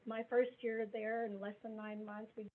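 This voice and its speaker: On a video call, a woman in her forties who grew up in the American Midwest introduces herself as a business coach in a candid, conversational way. Her voice is fairly high, with a level tone and normal speed. The line sounds tinny and phone-like, with faint noise.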